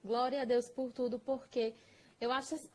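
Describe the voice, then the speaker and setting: A woman's voice: a little high, little pitch movement, normal speed. A woman hosting a live chat, thanking her guest effusively with religious phrases and laughing often. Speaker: host of a mothers' live chat. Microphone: phone or laptop on a live video call.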